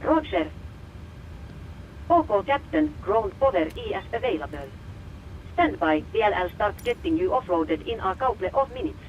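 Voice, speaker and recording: A ground crew chief talks to the cockpit over a muffled interphone, his voice very high and thin, clipped and businesslike, as a man voices him. A faint hiss sits under the radio sound. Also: very animated. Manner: brisk, clipped radio procedure.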